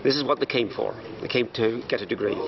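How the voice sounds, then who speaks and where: A man, a college director, explaining a ceremony step by step in a deliberate way. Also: medium pitch, crowd noise. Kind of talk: interview explanation. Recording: muffled with background noise.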